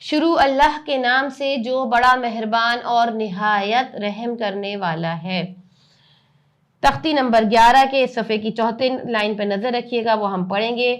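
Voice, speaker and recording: خاتون استاد، آہستہ بلند آواز میں ہجے. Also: female voice, fairly high pitch. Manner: slow, drawn-out loud recitation of syllables, then brisker explanations. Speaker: Quran reading teacher. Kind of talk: spelling-out Quran reading lesson.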